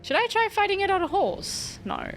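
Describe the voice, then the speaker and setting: Talking live with her chat while she games, this young woman replies to viewer messages and pokes fun at her own mistakes, sounding frustrated but self-mocking. She speaks at a normal speed in a very high voice with huge pitch swings and a fairly bright tone, and faint music plays behind her.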